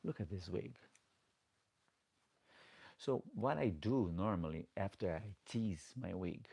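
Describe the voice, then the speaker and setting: A man with a Portuguese-speaking accent, a drag queen out of drag, chats casually on a late-night livestream in a low, slow, creaky, mellow voice with a breathy edge and lively intonation. He's chatty, reads comments aloud, and pleads for likes.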